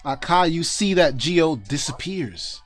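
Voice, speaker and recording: A young man narrating a tabletop game as game master, lively and slangy with some swearing. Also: a little high, a little slow, soft background music.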